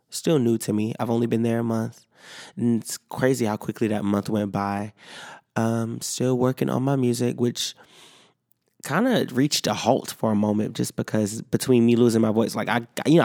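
His voice still worn from illness, this podcast host rambles solo, dropping fillers and swear words freely. The mid-range tone is gravelly and darkish, with studio quality and no room sound.

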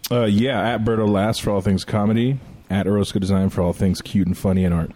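Husky guy bantering on a podcast, lowish and really lively. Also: a little fast. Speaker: podcast panelist. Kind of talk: casual bantering chat.

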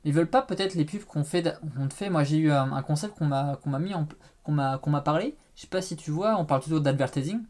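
Fast-talking man, faint Quebec trace. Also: on the high side, a little mellow. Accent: French with a faded Quebec trace. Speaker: interviewer. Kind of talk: casual conversation.

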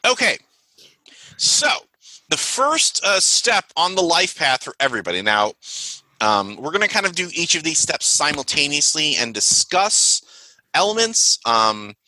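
A man's voice: a little high, very animated, unhurried, pushed and bright, no room sound, low-quality recording. A man running a tabletop role-playing session as game master, chatty and rambling with lots of fillers.

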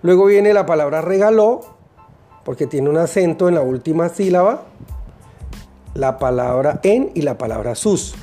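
Patient teacher, mellow voice. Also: mid-range voice, animated, faint music behind. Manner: patient, deliberate, spells out each step. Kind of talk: recorded lesson for children.

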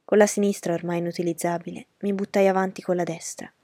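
A woman narrating a novel in a measured storytelling voice. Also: on the low side, level tone, mellow, no echo. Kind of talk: audiobook reading of a novel.

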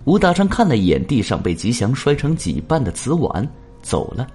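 A man's voice: mid-range voice, huge pitch swings, normal speed, darkish tone, husky, faint music behind. A man narrating a story expressively, shifting into voices for the characters.

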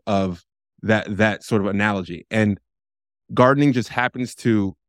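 Man, podcast co-host, lowish voice, dry close sound, rambling with restarts. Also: no echo. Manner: rambling, many restarts and fillers. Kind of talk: conversational podcast interview.

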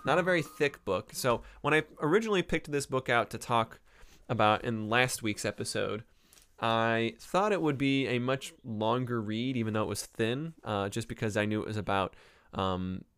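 A man's voice: medium pitch, moderate pace, a bit bright, clean tone, no echo, soft background music. A man hosting a casual book review podcast as an anthropology professor, chatty and digressive with frequent ums and uhs, recorded live from his home library.

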